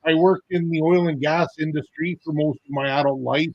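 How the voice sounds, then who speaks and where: A man from Canada speaks as a guest on an online panel. He talks plainly and matter-of-factly. His voice sits a little high for a man. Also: fairly even intonation, normal speed, muffled recording. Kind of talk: casual talk on a video call.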